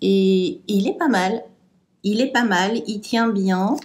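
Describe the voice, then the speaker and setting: A woman's voice: medium pitch, takes it slowly, a little mellow. A French woman chatting casually through a makeup tutorial, hesitant and trailing off with fillers as she works. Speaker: beauty vlogger.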